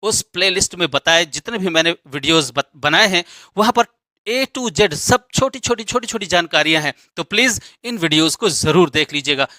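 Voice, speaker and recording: A man's voice: a little high, bright, forceful tone, dry recording. A man teaching an English grammar lesson, explaining step by step and posing questions that he answers himself.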